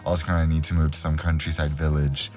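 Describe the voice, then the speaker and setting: A man's voice: rumbling low, little pitch movement, quick pace, darkish tone. A man from Europe talking casually and narrating as a travel vlogger. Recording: music in the background. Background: music.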